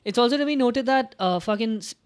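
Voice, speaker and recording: Excitable, profane sports podcast guy. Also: very high-pitched, quick pace, clean tone. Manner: excitable, swears freely, acts out quotes. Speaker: podcast host. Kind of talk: casual sports chat.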